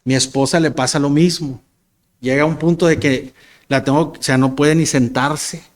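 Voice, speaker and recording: A man's voice: fairly high pitch, steady tone, normal speed. A man in his forties, a pastor, preaching a sermon in a conversational, self-deprecating storytelling manner, often stumbling and repeating words. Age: 40s.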